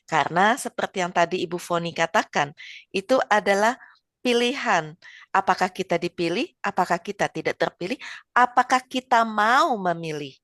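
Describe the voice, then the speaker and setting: A woman leading a church prayer meeting, thanking a speaker and answering questions in a measured, affirming way. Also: mid-range voice, animated, a bit bright, dry recording, clean studio sound. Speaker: meeting leader.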